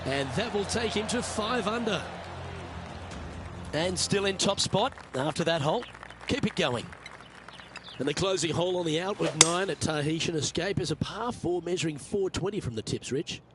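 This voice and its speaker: A man giving golf commentary as lead announcer, calling each shot in short, measured phrases. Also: sits high, lively intonation. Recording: crowd and outdoor noise behind.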